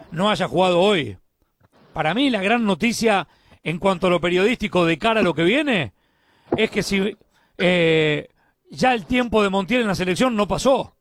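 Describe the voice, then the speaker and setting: A man with an Argentine accent hosting live radio sports talk, brisk and conversational, handing off to reporters. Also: sits high, fairly bright tone, slight background noise. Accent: Argentine Spanish.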